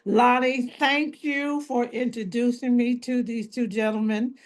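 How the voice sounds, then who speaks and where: A woman's voice: on the high side, steady tone, a little slow. A middle-aged woman mentor giving chatty, self-deprecating closing remarks on a video call, often restarting her phrases. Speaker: youth mentor and coach.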